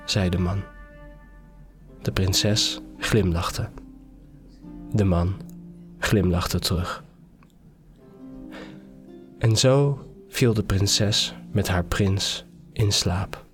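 Slow, low-voiced fairy-tale narrator. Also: male voice. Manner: unhurried storyteller, measured pauses. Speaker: podcast narrator. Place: podcast studio. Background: faint music.

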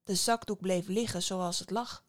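A woman narrating a fairy tale with a lively, expressive reading. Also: medium pitch, normal speed. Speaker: storyteller.

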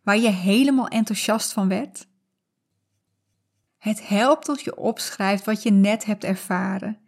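Over soft background music, a woman's mid-range voice unhurriedly walks the listener through a guided visualization, her manner calm and soothing.

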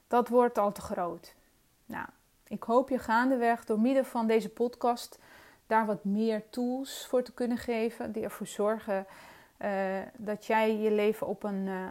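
A woman's voice: medium pitch, darkish tone. A middle-aged woman hosting her own coaching podcast, talking earnestly and reflectively with frequent hesitations. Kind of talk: personal solo podcast talk.

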